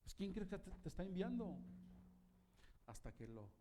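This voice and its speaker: Pastor, male, slightly high voice, animated sermon full of questions to the congregation. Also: moderate pace, slight background noise. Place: church.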